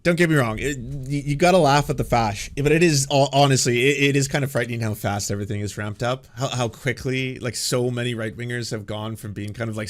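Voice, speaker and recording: A man with a mid-pitched voice talks off the cuff as a political commentator. He is emphatic and halting, circling back on his phrases and slipping into mocking paraphrase.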